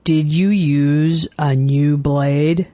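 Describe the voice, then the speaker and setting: A woman reading everyday dialogues aloud for English learners with clear, deliberate enunciation. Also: low voice, fairly even intonation, warm tone, dry recording. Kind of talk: slow scripted dialogue reading.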